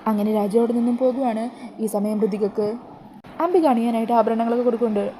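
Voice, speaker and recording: A woman storyteller briskly and chattily retelling a TV serial episode. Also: a little high, mellow, slight background noise, poor audio.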